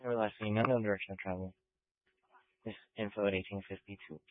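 A male police dispatcher reading out radio calls in clipped, rapid call codes over a police radio transmission. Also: fairly low pitch, steady tone, no room sound. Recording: tinny narrowband radio, dry.

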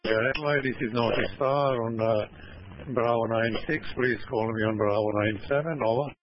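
A man at the helm of a vessel replies over a marine VHF radio in calm, formal radio procedure, pausing on fillers. His voice sits at a middle pitch. The audio is muffled and lo-fi. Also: dry recording. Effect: marine VHF radio transmission.

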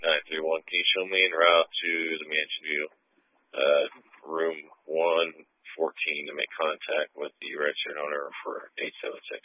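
A man's voice: rumbling low, level tone, normal speed, dry recording. A male police officer calling in over police radio in clipped radio procedure. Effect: police radio transmission. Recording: tinny radio line.

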